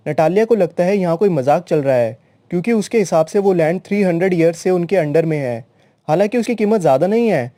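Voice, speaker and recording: A man's voice: on the high side, dark tone, no room sound. A man teacher retelling a play's story in casual narration, mixing in English words. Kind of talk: storytelling summary of a play.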